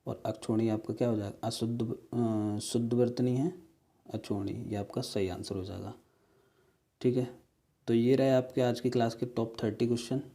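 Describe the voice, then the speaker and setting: Mellow-voiced male teacher explaining answers. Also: medium pitch, fairly even intonation, normal speed. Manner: explains step by step, repeating words and "ठीक है"; asks rhetorical questions to viewers. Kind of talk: exam-prep spelling lesson.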